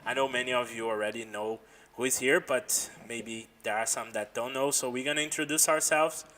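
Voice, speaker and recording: A man's voice: medium pitch, fairly even intonation, fairly quick, bright, forceful tone. A man hosting a casual livestream chat, upbeat and jokey as he steers the conversation. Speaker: podcast host.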